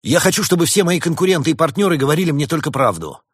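A man's voice: lowish voice, big pitch swings, moderate pace, fairly bright tone, husky, no room sound, studio quality, heavily acted. A man voicing a scheming male badger businessman in a read-aloud fairy tale, sly and wheedling.

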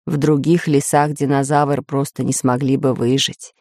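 A woman narrating a children's storybook in an expressive reading voice. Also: very deep voice, moderate pace, no room sound, clean studio sound. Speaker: audiobook reader.

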